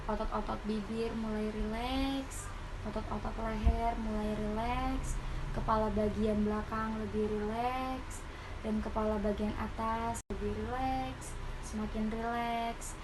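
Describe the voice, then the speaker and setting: A woman's voice: on the high side, steady tone, a little slow. A woman guides a hypnosis relaxation like a hypnotist, with soothing, repeated suggestions. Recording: clearly noisy recording with ambience.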